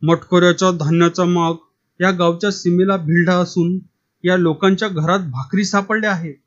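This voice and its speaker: A haughty, short-tempered government officer, as a man reads him in a storybook tale. His voice runs high and snappish. The recording is dull and lo-fi. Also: fairly even intonation, moderate pace, lightly acted. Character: irritable male government district officer.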